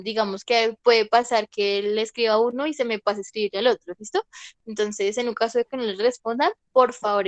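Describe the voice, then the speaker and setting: A woman's voice: fairly high pitch, no room sound. A woman, an English teacher explaining a lesson patiently and often checking that students follow. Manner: patient, repeats "¿listo?" to check understanding. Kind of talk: online class explanation.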